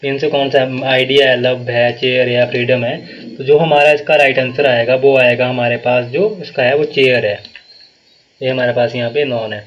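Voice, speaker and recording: Brief: a man, Himachali Hindi accent, mid-pitched, live online grammar teacher, slow repetitive explaining, slightly dull lo-fi stream audio. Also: steady tone, a little hiss or hum. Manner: explains slowly, repeats words, many fillers. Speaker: grammar teacher for exam prep. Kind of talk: live online class lecture.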